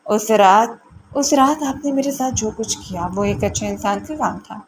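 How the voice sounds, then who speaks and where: A woman's voice: a little high, slight background noise, close to an everyday voice. A woman reading the part of a frightened young wife who pleads and accuses through tears. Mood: accusing.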